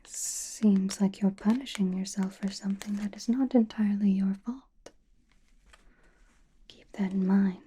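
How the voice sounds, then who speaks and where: A woman acts out a mysterious witch fortune teller in a soothing ASMR roleplay. She whispers in a very breathy, husky voice, calm and knowing. Her delivery stays slow and deliberate, with little rise or fall. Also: medium pitch. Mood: musing, gentle.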